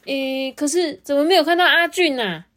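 A woman's voice: sits high, normal speed, a bit bright, voice pushed up. A woman voicing an earnest earthworm rescue-team worker in a children's story, calling out urgently, with a Taiwanese Mandarin accent.

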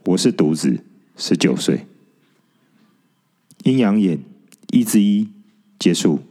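A man telling a comic story in first person, playful and expressive with wry asides. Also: deep voice, slow.

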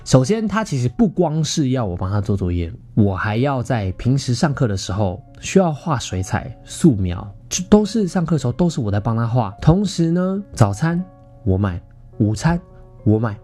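Very animated and mellow, this young podcast host speaks at a moderate pace in a medium pitch with a Taiwanese Mandarin accent. He recounts a personal story in an expressive, chatty way, frequently speaking directly to his audience as background guitar music plays.

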